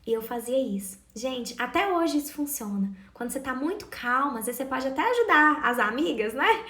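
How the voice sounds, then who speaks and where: A woman's voice: high-pitched, lively intonation, brisk, fairly bright tone, reverberant. A woman, giving earnest parenting advice and speaking directly to her listeners. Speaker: parenting educator. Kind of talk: casual advice talk to parents.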